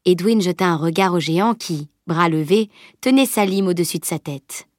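A woman's voice: fairly low pitch, moderate pace, no room sound, studio quality. Woman reading a novel aloud. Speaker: audiobook narrator. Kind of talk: scripted novel narration.

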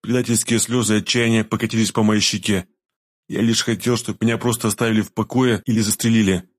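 A man narrating a first-person story in an even, steady reading voice. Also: on the low side, quick pace, no echo. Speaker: audiobook narrator.

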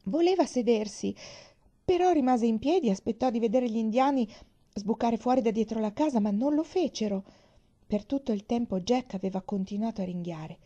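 A woman reading a children's novel aloud, in a gentle, measured storytelling voice. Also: a little high, animated, lo-fi sound. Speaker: audiobook reader.

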